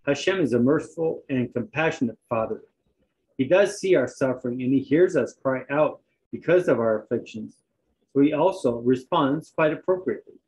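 A man preaching a sermon, reading scripture aloud and pausing in turns for an interpreter. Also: mid-range voice, animated, a little mellow, low-quality recording.

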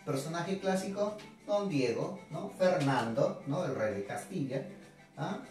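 A male teacher lectures in a lively, swooping voice, peppering his talk with rhetorical questions and playful jabs at the class. He sounds distant from the mic, in a very echoey room with faint music behind him. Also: a little high, measured pace. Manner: chatty, constantly asks rhetorical questions with tag '¿no?'; addresses students directly, playful and teasing. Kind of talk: classroom literature lecture to students.

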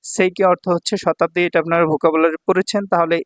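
A man's voice: fairly high pitch, little pitch movement, fast, no room sound, studio quality. A man from Bangladesh teaching kanji in a patient, repetitive way, often checking that his students follow. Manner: patient, repeats words and checks understanding. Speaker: Japanese language teacher. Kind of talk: kanji lesson explanation. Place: Dhaka language center.

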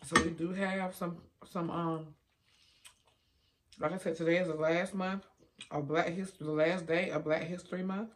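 A woman's voice: on the low side, steady tone, measured pace, a little hiss or hum. A woman in her thirties chatting casually to viewers while chewing a mouthful of food, laid-back and easygoing. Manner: laid-back, talks straight to viewers with little laughs. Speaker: mukbang vlogger. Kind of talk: casual chat while eating.

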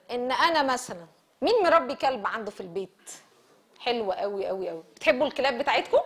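A woman with an Egyptian Arabic accent lecturing church servants, lively and quizzing the audience. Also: high voice. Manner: lively, asks the audience questions, laughs with them.

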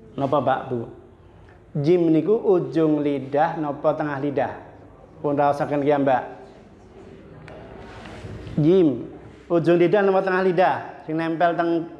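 Slow Javanese-accented man teaching recitation. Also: a little high. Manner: drills sounds by repeating syllables and verses; mixes Indonesian with polite Javanese. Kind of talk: tajwid pronunciation lesson. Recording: echoey hall, dull lo-fi sound.

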